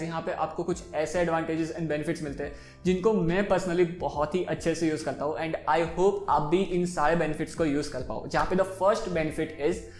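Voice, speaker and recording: A man's voice: high-pitched, reverberant. A man in his twenties explaining personal finance in a casual, chatty way, switching freely between Hindi and English. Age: 20s. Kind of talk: casual explainer talk to camera.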